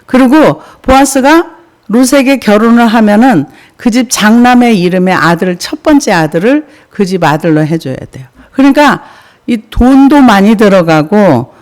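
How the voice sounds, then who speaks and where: Lively, smooth-voiced woman pastor preaching. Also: a little high, normal speed. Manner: conversational, with rhetorical questions and frequent fillers. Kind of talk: sermon.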